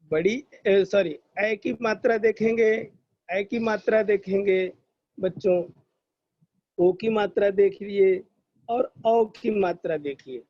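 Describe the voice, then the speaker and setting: A man's voice: high-pitched, takes it slowly, dry recording. A male teacher giving an online grammar lesson to children, explaining patiently and drawing out sounds as examples. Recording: dull lo-fi recording.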